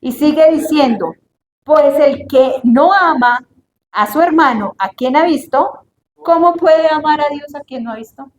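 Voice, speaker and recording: A woman teaching from the Bible in an earnest way, dropping to a hushed voice when she acts out prayers. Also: high voice, a little slow. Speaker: preacher. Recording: echoey room with faint noise.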